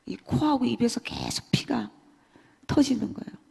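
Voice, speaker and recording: A woman giving an emotional church testimony, swinging between loud and hushed. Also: fairly high pitch, huge pitch swings, normal speed, vocal fry, husky. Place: church hall. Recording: long church hall reverb.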